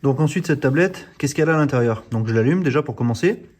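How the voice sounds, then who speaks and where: A man's voice: medium pitch, lively intonation, quick pace, darkish tone. A man hosting a car channel, giving a hands-on product demonstration in an explanatory way, often hesitating with fillers and restarting words. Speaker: car channel host reviewing a diagnostic tool.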